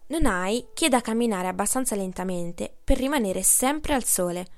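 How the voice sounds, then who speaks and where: A woman's voice: medium pitch, animated, moderate pace, dry recording, close to an everyday voice. A woman voicing a curious, earnest little boy prince who asks eager questions, in a read-aloud storybook. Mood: gentle.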